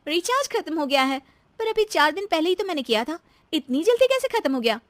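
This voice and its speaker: A woman's voice: very high-pitched, big pitch swings, a little fast, no echo, voice pushed up. A woman voicing a harried, emphatic young daughter-in-law in a cartoon story. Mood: exasperated. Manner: complaining, emphatic.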